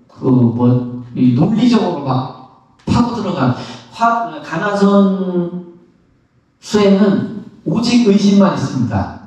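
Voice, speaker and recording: A middle-aged man, a Buddhist monk, giving a lively spoken lesson on meditation, laughing often and acting out how he counts his breaths. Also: high voice. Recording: echoey room, somewhat far from the mic.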